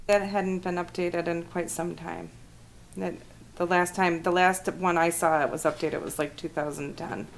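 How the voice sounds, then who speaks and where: Low, even-voiced woman at a meeting. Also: moderate pace, creaky. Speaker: staff member reporting to a commission. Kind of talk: informal explanation at a meeting. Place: public meeting room. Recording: faint background noise in meeting.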